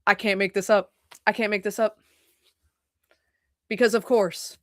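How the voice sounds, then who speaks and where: A woman's voice: medium pitch, steady tone, unhurried, a bit bright. A young woman streaming from home, chatting casually in a rambling, profane way, often cutting herself off and apologizing mid-thought. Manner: rambling, profane, self-interrupting, apologetic asides. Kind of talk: casual livestream chat.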